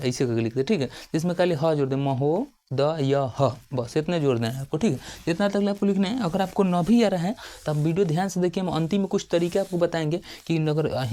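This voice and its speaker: A weary man with a Bihari accent talks students through a lesson, slow and hushed. His voice is dark and mellow, and he keeps pausing to check they are following. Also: fairly high pitch. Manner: speaks slowly and softly, keeps repeating "okay". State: tired late at night. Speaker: teacher. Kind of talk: tutorial lesson dictating a letter format.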